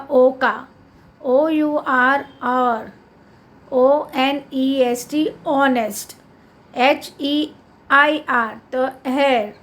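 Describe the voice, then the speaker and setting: Woman teacher, Indian accent, high voice, slow deliberate English drills with quick explanations, classroom lesson. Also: fairly bright tone. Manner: reads English words slowly and clearly, explains quickly in Hindi, quizzes with questions.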